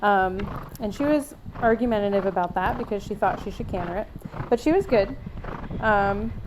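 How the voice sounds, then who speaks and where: Woman's casual voiceover over noisy riding footage. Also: mid-range voice. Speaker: horse rider reviewing own ride. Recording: clearly noisy, outdoor ride sound behind. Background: helmet-cam ambience of horse riding.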